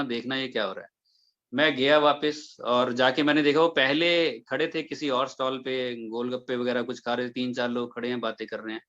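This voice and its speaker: A man's voice: medium pitch, highs cut off. A man, telling a devotional story at a satsang and acting out the dialogue as he goes. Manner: lively retelling full of quoted dialogue. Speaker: devotee sharing an experience.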